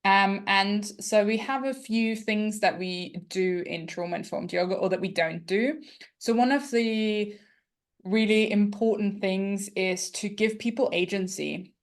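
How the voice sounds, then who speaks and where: Woman, Austrian accent, podcast host, gentle, thoughtful, soft fillers, mid pitch. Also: measured pace. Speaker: podcast host, yoga teacher and dietitian. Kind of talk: podcast interview conversation.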